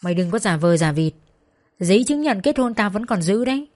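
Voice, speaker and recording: A woman's voice: mid-range voice, expressive, brisk, darkish tone, lightly acted. A woman voicing a crude, violent young man, an ex-husband who swears and threatens as he talks. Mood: sneering.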